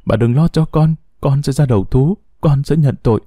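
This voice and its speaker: A man's voice: mid-range voice, moderate pace, warm tone, slightly rough, dry recording, clean studio sound, pitched above the performer's own voice, lightly acted. A man playing an angry, grieving young grandson who speaks tensely, as if through gritted teeth. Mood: choked remorse.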